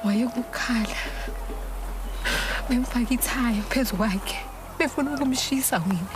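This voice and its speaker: A woman's voice: a little high, normal speed, background noise, lightly acted. An actress playing a frightened young woman in a TV drama, speaking urgently and pleading, often dropping to a whisper. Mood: urgent, fearful. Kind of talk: TV drama acting.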